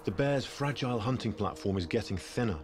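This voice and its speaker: A man delivers scripted nature documentary narration in a measured, storytelling way. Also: medium pitch, slight background noise. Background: background music.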